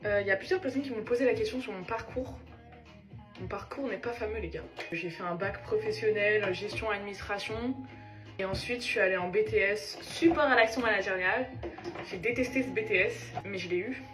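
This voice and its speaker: Young woman from Monaco, slangy get-ready-with-me vlogger, mid-pitched, faint music underneath. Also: a little fast, poor audio. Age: young adult. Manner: chatty and slangy. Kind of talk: casual get-ready-with-me chat.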